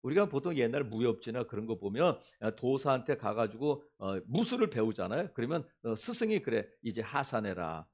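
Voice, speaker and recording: A man's voice: medium pitch, very animated, brisk, hardly any pauses, darkish tone. A male pastor preaching a sermon, asking the congregation questions and acting out quoted voices.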